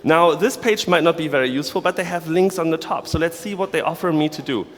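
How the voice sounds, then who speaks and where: A man's voice: on the high side, fast. Man giving a wry talk in a hall. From Germany. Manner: playful, sarcastic. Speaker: conference speaker. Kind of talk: conference talk. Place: large conference hall. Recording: long reverb of a large hall.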